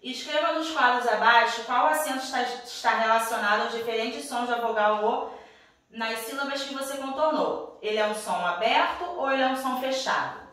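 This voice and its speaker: A woman's voice: on the high side, moderate pace, fairly bright tone, distant mic. Patient Brazilian woman teacher, echoey room. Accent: Brazilian Portuguese. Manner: patient, checks in with "tá?" after each step; refers to herself as "tia [name]". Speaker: primary school teacher. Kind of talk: reading out a worksheet to young pupils.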